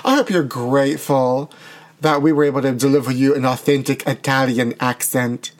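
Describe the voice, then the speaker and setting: A man's voice: medium pitch, fairly even intonation, normal speed. A man co-hosting a comedy podcast, signing off in a campy, theatrical, playful way. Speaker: podcast co-host. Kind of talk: improvised comedy sketch and sign-off.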